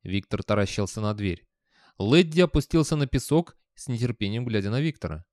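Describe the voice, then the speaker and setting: A man reading an audiobook in scripted narration with an even, measured delivery. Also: lowish voice, no echo, studio quality.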